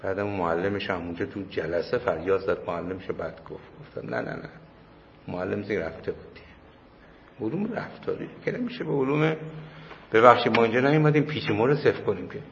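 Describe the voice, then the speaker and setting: A man giving a religious lecture to a class in a casual, conversational way, telling anecdotes and repeating his points for emphasis. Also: fairly low pitch. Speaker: cleric lecturer. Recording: muffled hall recording with faint noise.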